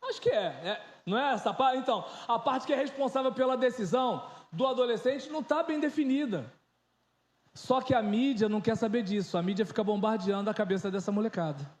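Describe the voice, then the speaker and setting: Pastor, man in his 30s, very high voice, animated and joking, informal sermon in an echoey church. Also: a little fast. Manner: animated, joking, shifts into loud and soft.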